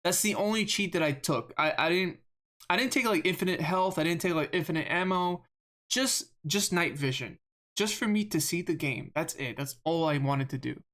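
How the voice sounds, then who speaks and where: Live gameplay commentary comes from a streamer whose monotone voice rambles on, frequently repeating words and running himself down. Pitch is medium, speed normal.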